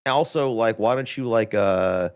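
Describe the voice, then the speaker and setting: A man's voice: on the low side, unhurried, a little mellow, clear, resonant tone. A man hosting a casual gaming stream, rambling and laughing as he chats. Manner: rambling, laughs often, drawling asides. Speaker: stream host.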